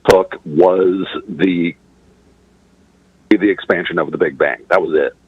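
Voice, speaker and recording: A man calling in to a show, speaking in a halting, hesitant way while his call audio glitches and clips the starts and ends of his words. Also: low-pitched, steady tone, slightly rough, no echo, muffled recording. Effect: glitchy call audio, starts and ends of words cut out. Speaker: caller. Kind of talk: casual call-in conversation.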